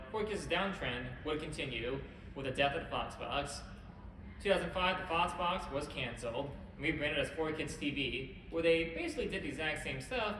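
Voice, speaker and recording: A man hosting a convention panel, presenting a history talk in a brisk, wry way with occasional self-corrections. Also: on the high side. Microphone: camera at a distance. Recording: echoey hall, distant camera, background hum.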